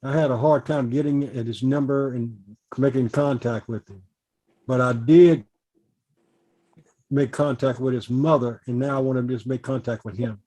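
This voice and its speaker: A man's voice: medium pitch, fairly even intonation, normal speed, dark tone, low-quality recording. A man talking courteously and deferentially to a judge, as a lawyer does in court. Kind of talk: courtroom conversation.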